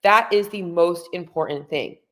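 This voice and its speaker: A woman in her forties coaching diet and fitness on a livestream, blunt and emphatic, with an over-caffeinated high energy. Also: moderate pace. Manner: blunt, salty-tongued. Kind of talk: casual motivational livestream talk to viewers. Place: room at home.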